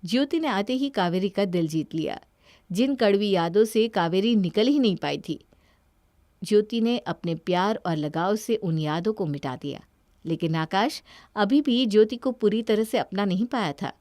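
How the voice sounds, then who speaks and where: A woman narrates a scripted family story in a mid-range, darkish voice, expressive and at normal speed. The sound is clean studio audio with no room sound.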